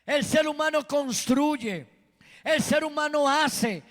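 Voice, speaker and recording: High-voiced, slow, shouting preacher. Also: male voice, long reverb tail. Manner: emphatic preaching that swells into shouting. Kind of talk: sermon. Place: church at a pulpit. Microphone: pulpit microphone.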